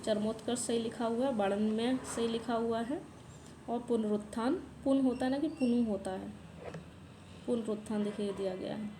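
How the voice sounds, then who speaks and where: A woman's voice: on the high side, fairly even intonation, normal speed. A woman teaching exam preparation and working through a past paper, patiently repeating corrections and speaking straight to her students. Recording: echoey room, faint background noise.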